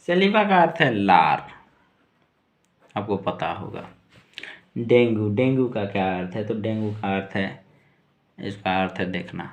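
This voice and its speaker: A man with a medium-pitched voice teaches English words slowly, spelling every one letter by letter and saying it again.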